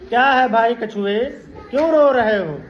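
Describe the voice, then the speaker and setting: A woman's voice: a little high, a little slow, roomy sound, a little hiss or hum, close to an everyday voice, rough recording. A woman voicing a sly, cautious male jackal in a children's story, asking wary questions. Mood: curious.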